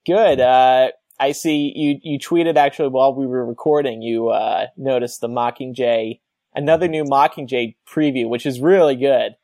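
A man's voice: mid-range voice, steady tone, moderate pace, darkish tone, no room sound. Young guy hosting a call-in podcast, laughs a lot, rambly, dry close sound. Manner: laughs often, rambling with many fillers. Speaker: podcast host. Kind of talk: casual call-in podcast chat.

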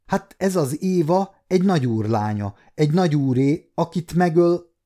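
A man's voice: a little high, expressive, warm tone, voice pushed up, lightly acted. A man doing a fretful old servant. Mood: anxious. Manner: pleading, fearful. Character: old anxious male servant, talkative.

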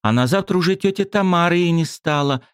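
Man doing a high, eager teenage girl. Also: brisk, clear, resonant tone, no echo, studio quality, close to an everyday voice. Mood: eager, confiding. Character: shy, excitable teenage girl.

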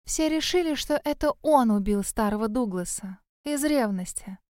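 A woman's voice: a little high, lively intonation, normal speed, darkish tone, no echo, studio quality, natural voice. A woman doing a sly, mocking spirit in a well. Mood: scornful. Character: mocking gossipy female spirit living in a well.

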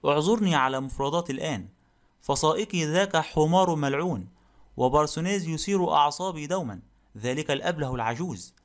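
A blustering, rude burly man, put on by an audiobook reader, gruff and blunt. His voice sits a little high for a man. He barks short, dismissive remarks. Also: quick pace, close to an everyday voice. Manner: gruff and blunt, barking insults. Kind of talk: audiobook character reading.

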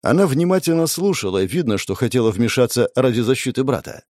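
A man's voice: mid-range voice, sing-song, quick pace, darkish tone, dry recording, clean studio sound. A man reading a first-person story aloud in an intense, dramatic narration.

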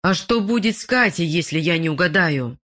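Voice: mid-range voice, expressive, moderate pace, bright, forceful tone. A narrator voicing a determined male investigator who barks defiant answers in an audiobook. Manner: barking, defiant.

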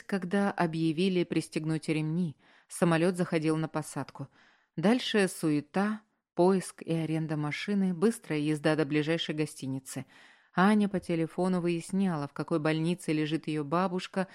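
A woman narrates a story in a measured, earnest audiobook reading. Her voice sits low for a woman and stays steady through the prose. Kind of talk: scripted narration.

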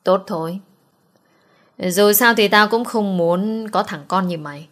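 A woman's voice: mid-range voice, measured pace, fairly bright tone, natural voice. A woman reading the part of a cruel older man, a chairman threatening his own son in an audiobook. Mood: menacing. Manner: cold, threatening.

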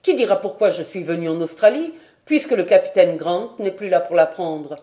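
A woman's voice: medium pitch, big pitch swings, measured pace, dark tone. A woman reading a defiant stubborn sailor. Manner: defiant, insistent questioning. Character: defiant male quartermaster, hard and stubborn. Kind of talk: audiobook character reading.

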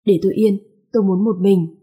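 A woman's voice: mid-range voice, steady tone, brisk, warm tone, slightly rough, natural voice. Woman voicing a stubborn young heroine. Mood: defiant. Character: young woman, stubborn, proud, tender-hearted.

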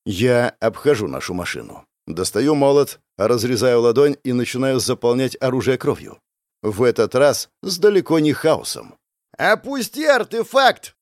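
A man's voice: medium pitch, animated, moderate pace, a little mellow, dry recording, clean studio sound. A man narrating a first-person fantasy audiobook in a tense, dramatic way.

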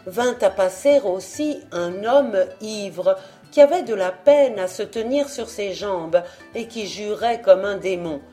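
A woman reading a folktale aloud as an audiobook, slow and measured. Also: medium pitch, animated, soft background music. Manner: slow, measured, dark-toned. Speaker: audiobook reader. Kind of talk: scripted folktale narration.

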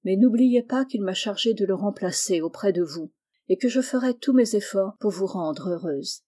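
A woman reading the part of a kindly middle-aged uncle and doctor, speaking in a gentle, reassuring way. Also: medium pitch, expressive, normal speed, close to an everyday voice. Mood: tender.

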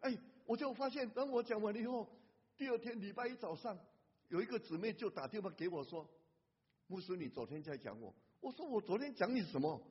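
A man pastor preaching a sermon in an animated way, breaking into a hymn at times. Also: high-pitched, brisk, husky. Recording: lo-fi church hall reverb.

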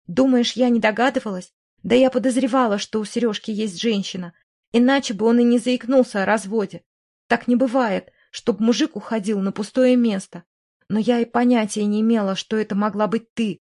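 A woman's voice: brisk, darkish tone. A woman reading an audiobook, voicing a jealous, hysterical widow who shrieks, sneers and sobs at her rival. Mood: furious. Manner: shrill, sneering, sobbing outbursts.

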